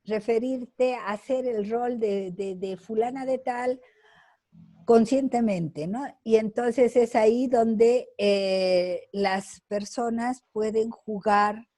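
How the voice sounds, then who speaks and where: Slow-speaking older woman lecturing. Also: a little high, fairly even intonation, mellow. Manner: slow, deliberate, with many fillers and tag questions. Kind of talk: videoconference lecture answering questions. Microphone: video call.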